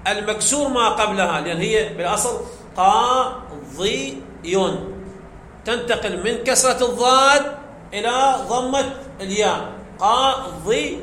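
In a classroom grammar lecture, a man explains things step by step and quizzes his students with questions he then answers himself. His voice sits high, pushed and bright, in an echoey room with faint background noise.

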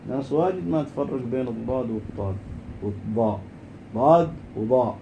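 A man giving an informal grammar lesson, stretching out key words slowly and then rushing through quick asides. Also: medium pitch, expressive, gravelly, lo-fi sound, noisy background. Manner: slow and emphatic on rule words, quick asides. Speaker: Arabic grammar teacher.

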